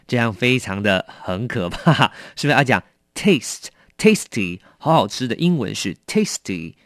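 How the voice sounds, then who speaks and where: Man, vocabulary lesson, chatty explaining, lively swooping pitch, dry close sound. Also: no room sound. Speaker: English teacher.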